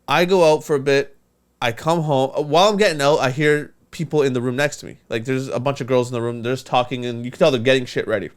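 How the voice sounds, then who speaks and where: A man telling a story in casual podcast chat, animated and profane, acting out the voices of the people in it. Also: medium pitch, fast talker. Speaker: podcast co-host.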